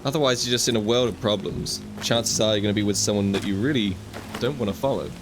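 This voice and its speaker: Over music, a young man with a voice on the low side talks at a quick pace. He's a gaming video host doing a casual let's-play of a VR game, chatty and joking, with wry asides to the viewer.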